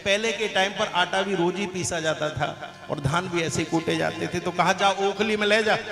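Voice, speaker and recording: A man's voice: sits high, steady tone, normal speed, gravelly. A male preacher, telling a devotional story in an emotive, melodic style full of exclamations. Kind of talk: devotional katha sermon. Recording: echoey hall with music.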